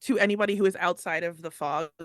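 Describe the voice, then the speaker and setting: A woman playing a tabletop game, speaking softly and pausing often. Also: on the low side. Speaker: player. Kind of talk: casual tabletop play.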